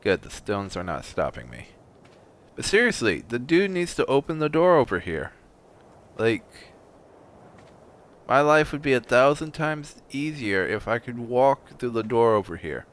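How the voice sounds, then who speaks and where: A man's voice: mid-range voice, sing-song, measured pace. A man giving casual, sarcastic commentary while playing a video game and talking to himself. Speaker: gaming streamer.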